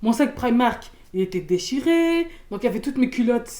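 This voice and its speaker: A young woman from Belgium, telling a storytime in casual slangy chat, loud and expressive, acting out the people in her story. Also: fairly high pitch, brisk. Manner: casual slangy talk with many fillers.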